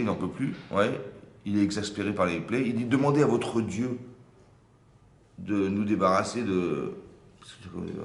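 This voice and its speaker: A man with a lowish voice leads a small group through an interactive religious lesson, with slight background noise. He poses questions, checks on his listeners and frequently repeats words as he gropes for the right phrasing, in a roomy space with faint ambience.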